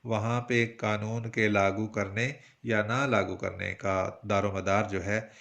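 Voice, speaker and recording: A man from Pakistan with a Punjabi accent, teaching Urdu poetry meter in a patient, explanatory way with frequent pauses. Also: fairly low pitch, flat delivery, vocal fry, fairly bright tone. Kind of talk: spoken lesson on Urdu verse meter.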